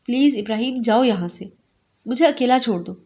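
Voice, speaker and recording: A woman's voice: a little high, lively intonation, a little mellow. A woman voicing a grieving young divorced woman who speaks bitterly and wearily. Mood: weary. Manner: bitter, tired.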